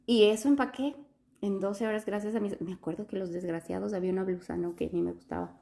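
A young woman from Quito with an Ecuadorian Spanish accent, telling a story in casual chat with animated bursts of laughter. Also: medium pitch, fast talker, vocal fry. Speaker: guest telling her story.

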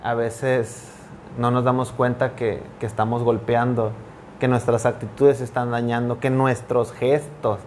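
A man's voice: medium pitch, flat delivery, darkish tone, slight background noise. A man talking earnestly in a reflective conversation, often restarting his sentences as he searches for words. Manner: earnest, halting with frequent restarts.

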